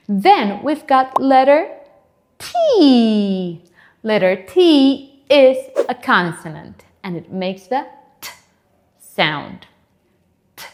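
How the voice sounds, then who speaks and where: Woman, children's phonics teacher, very slow deliberate pace, drawn-out letter sounds, encouraging. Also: medium pitch. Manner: encouraging, asks children to repeat.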